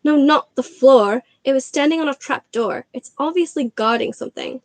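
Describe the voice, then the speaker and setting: A woman's voice: on the high side, fairly quick, dark tone, no room sound, close to an everyday voice. A woman voicing a bossy, bad-tempered schoolgirl who snaps at her friends. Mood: lecturing. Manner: snappish.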